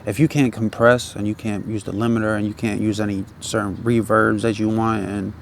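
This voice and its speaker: Flat and a little fast, with vocal fry, this low-voiced man is an independent music artist chatting in a laid-back stoner drawl. He rambles, swears, uses slang, and keeps repeating tag phrases; a little hiss or hum sits under the recording.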